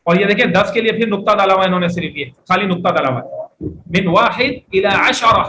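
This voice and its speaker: A man teaching an Arabic class, explaining step by step, asking the students questions and reading phrases slowly for them to repeat. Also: high voice, background noise. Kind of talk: classroom lecture.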